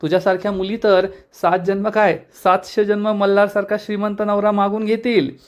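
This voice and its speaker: A man voicing a scornful, sharp-tongued woman who mocks and needles her relative. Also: high voice, level tone, moderate pace, pitched above the performer's own voice, close to an everyday voice. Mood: mocking. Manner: mocking, needling.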